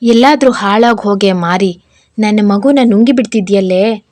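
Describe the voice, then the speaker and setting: A woman's voice: mid-range voice, normal speed, darkish tone, no room sound, lightly acted, poor audio. A woman voicing a frantic young mother who pleads and wails for her child in a read-aloud story. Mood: scolding. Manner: pleading, wailing.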